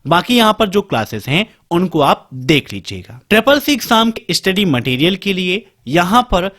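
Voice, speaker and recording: A man teaching an exam-prep lesson, briskly listing topics and speaking directly to students. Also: high-pitched, very animated, a bit bright. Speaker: computer exam tutor.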